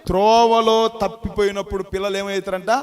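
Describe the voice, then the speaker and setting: Man, Telugu-accented preacher, very high voice, rhetorical questions, loud then hushed. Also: little pitch movement, fairly quick. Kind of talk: Telugu sermon for youth.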